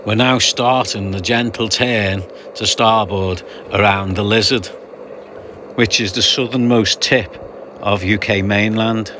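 A man with a somewhat low voice talks through a sailing passage in a relaxed voice-over. He explains things patiently and slips in dry jokes. A clear, steady hiss runs under the recording. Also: a little slow. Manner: chatty, explanatory, dry humour. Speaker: sailing vlogger narrating a passage.

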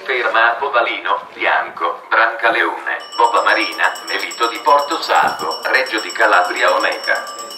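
Echoey male station announcer, flat and formal. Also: on the low side, over music. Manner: formal, impersonal, measured delivery. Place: outdoor railway platform public-address system. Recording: echoey, distant station loudspeaker with alarm chime.

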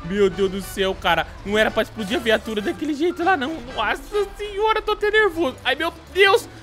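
A man's voice: very high voice, animated, fast, bright, forceful tone, soft background music. A man playing a runaway kid in a game role-play, frantic and exclamatory.

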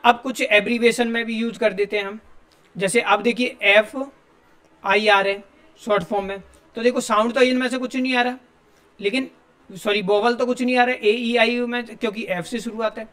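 A man's voice: very high voice, steady tone, normal speed, fairly bright tone. A male teacher, giving a classroom grammar lesson and explaining step by step while asking his students questions.

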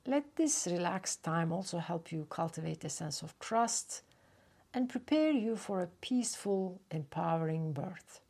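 A yoga nidra teacher speaks on the low side with vocal fry and lively intonation. She guides a relaxation meditation gently, unhurriedly, pausing at length.

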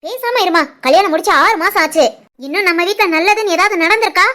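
Speaking in a Tirunelveli Tamil accent, a woman voices a spiteful young sister-in-law in an animated family cartoon. Her very high-pitched, quick delivery is taunting and accusing.

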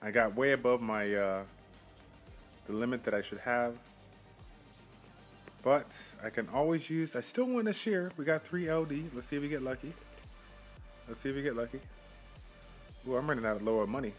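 A young man hosting a mobile game channel, casually commenting on his summons with quick excited outbursts, recorded on a phone mic. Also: medium pitch, soft background music.

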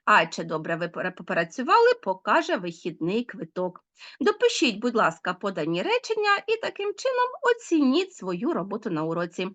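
A woman teacher's medium-pitched, fairly bright voice swoops wildly as she talks a little fast. It's a recorded online language lesson for schoolchildren, in which she patiently explains and asks them questions.

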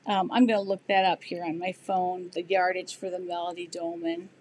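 A woman's voice: lowish voice, little pitch movement, normal speed, a little mellow, slight background noise. Middle-aged woman host, easygoing live-stream chatter with viewers, lots of ums and restarts. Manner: chatty, loose, many fillers and restarts. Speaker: sewing channel host. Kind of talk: live stream chat answering viewer comments.

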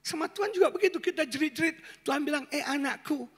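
A man preaching a sermon to a congregation, talking in a colloquial, animated way and often asking the people questions. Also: very high-pitched, racing. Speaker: pastor. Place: church service hall. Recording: reverberant church hall.

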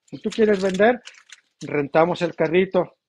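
A man's voice: high-pitched, a little mellow, slightly rough, dry recording. A man, a taco vendor chatting casually on a livestream and reading viewer comments, laughing often. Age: 40s. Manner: chatty, laughs often, drawn-out playful exclamations.

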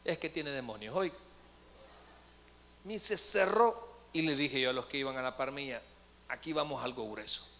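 Animated preaching man, bright voice, echoey hall. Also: medium pitch, moderate pace, long pauses. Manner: animated storytelling, acts out voices. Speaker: pastor. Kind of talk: sermon. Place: church sanctuary.

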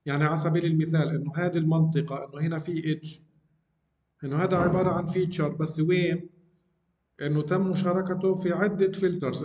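A man's voice: a little high, darkish tone, roomy sound, highs cut off. A middle-aged man giving a university lecture, explaining step by step and often checking in with "okay?". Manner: explanatory, frequent check-ins asking "okay?", mixes English technical terms. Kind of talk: university lecture on deep learning.

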